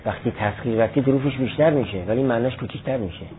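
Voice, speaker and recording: A man's voice: medium pitch, slight background noise. A man teaching a class on Arabic grammar, explaining step by step with examples and answering students' questions. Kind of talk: classroom lecture. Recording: lo-fi phone-like recording.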